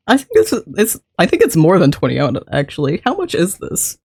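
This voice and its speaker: Talking casually into a desk mic, a chatty game streamer drifts from one small thing to another and laughs easily, pausing between thoughts to greet and thank people in chat. A mild illness has pushed the voice deeper than usual, though the pitch remains mid-range. It swings hugely in pitch at normal speed and sounds gravelly, husky, and a bit mellow.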